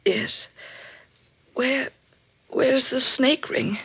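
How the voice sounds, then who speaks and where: A woman's voice: high voice, animated, very slow, fairly bright tone, husky, exaggerated voice. An actress playing a proud, frightened married woman in an old-time radio thriller, with refined, theatrical diction. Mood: shaken, pleading. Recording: muffled, noisy old radio drama recording.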